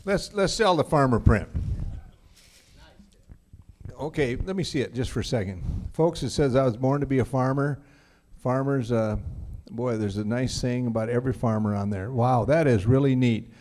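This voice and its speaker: A man's voice: medium pitch, moderate pace, a little mellow. A man announcing at a live auction as the instructor, addressing the crowd and guiding the bidding.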